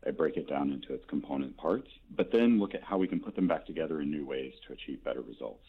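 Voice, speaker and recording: Man, interviewed expert, extremely deep, husky, tinny phone-like sound. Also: animated, fast talker. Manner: thoughtful, hesitant, many "um"s. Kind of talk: interview answers.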